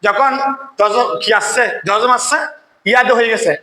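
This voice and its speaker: A male recitation teacher with a high, bright voice, quizzing his class question after question. He keeps checking whether the students have understood. The sound is roomy and echoing. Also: fairly even intonation. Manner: chants verses slowly when demonstrating recitation. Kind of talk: classroom tajweed lesson.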